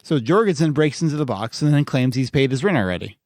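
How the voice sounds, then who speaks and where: A man's voice: mid-range voice, animated, quick pace, darkish tone, no echo, clean studio sound. A male podcast co-host in casual chat, laughing often. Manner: laughs often, brief replies.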